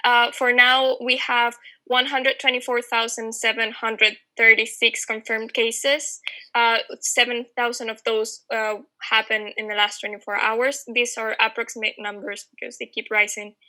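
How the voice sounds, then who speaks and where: A woman's voice: fairly high pitch, a little slow, rough recording. A woman from Spain, a guest on a podcast, speaking casually over a remote call with frequent "um" fillers. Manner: relaxed, with "um" fillers. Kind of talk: casual conversation.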